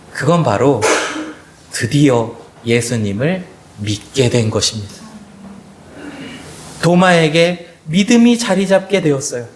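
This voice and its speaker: A man preaching a Sunday sermon as pastor, swinging his voice high and low and talking straight to the congregation. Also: a little hiss or hum. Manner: addresses the congregation directly. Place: church sanctuary. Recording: echoey church sanctuary.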